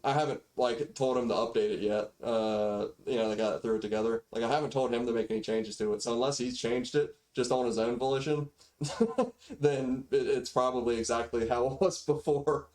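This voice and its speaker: A man's voice: medium pitch, normal speed, a little mellow. A male game streamer talks off the cuff to his chat in an ordinary mid-range voice. His delivery is rambling and slangy, with a mild grumble to it. It is picked up on a cheap default microphone. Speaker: game livestreamer. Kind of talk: casual livestream chat. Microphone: default backup microphone after main mic failed.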